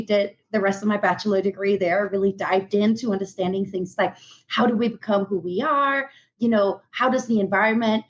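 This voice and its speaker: Woman from Denmark on dull lo-fi audio. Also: medium pitch. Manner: relaxed storytelling with fillers. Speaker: guest, product specialist. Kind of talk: casual interview.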